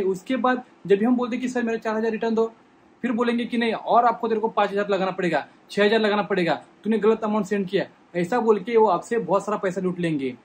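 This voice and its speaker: Recorded in a small room with slight background noise, a young man with a high-pitched voice talks to camera about scams. His vlog explanation is informal and emphatic, and he repeats points to drive them home.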